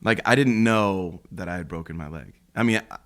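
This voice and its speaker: Low-voiced man telling lively stories. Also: a little fast. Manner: animated storyteller, acts out quotes, laughs often. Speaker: podcast guest, photographer. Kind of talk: casual chat. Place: apartment room.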